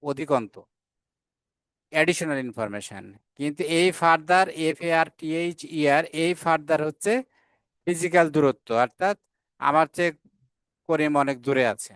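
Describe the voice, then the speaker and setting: A man gives a grammar lesson in a slightly high, smooth and resonant voice. He explains patiently, repeats the key terms and spells out words letter by letter. The sound is close and dry, with no room echo. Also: fairly bright tone. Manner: reads English examples at a slow, careful pace. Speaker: English grammar teacher.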